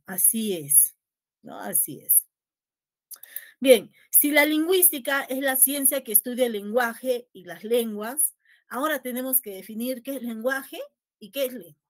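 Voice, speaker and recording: A woman with a slightly high voice lectures a linguistics class in a clean, dry studio recording. She asks her students questions, tags nearly every phrase with a questioning "¿no?", and acts out lines to her pet dog.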